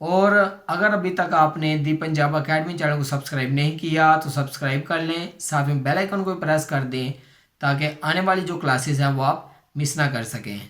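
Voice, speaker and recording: A man with a Pakistani Urdu accent teaching children to read the Quran, slowly spelling out and repeating each syllable for his students. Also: on the high side, fairly bright tone. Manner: addresses viewers as students. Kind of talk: slow recitation lesson for children.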